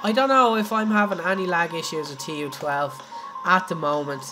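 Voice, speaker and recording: A man's voice: fairly high pitch, normal speed. Chatty Irish young man streaming a game. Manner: chatty, laughs often, talks straight to viewers. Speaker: gaming live streamer. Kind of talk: casual live-stream building tutorial. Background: faint background music.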